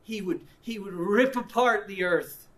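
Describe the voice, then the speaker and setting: Guy w a pretty high voice preaching, chatty storytelling, keeps restarting words. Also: unhurried, fairly bright tone. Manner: conversational, repeats and restarts words. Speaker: pastor. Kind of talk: sermon told as a personal story.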